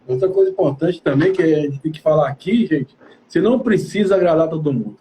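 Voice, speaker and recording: A man's voice: on the high side, animated, fast talker, warm tone, a little hiss or hum. A man from Brazil, a building manager, chatting animatedly and casually on a live stream, slangy and talking straight to his audience.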